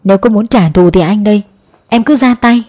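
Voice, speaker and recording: A woman's voice: a little high, moderate pace, a little mellow, natural voice. A woman voicing a grieving young man who pleads in anguish in a horror story. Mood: pleading.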